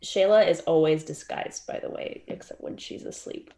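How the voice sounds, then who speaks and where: A woman's voice: low voice, normal speed, gravelly, warm tone. A woman chatting casually as a player in a tabletop game. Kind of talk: casual chat. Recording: roomy, echoing pickup.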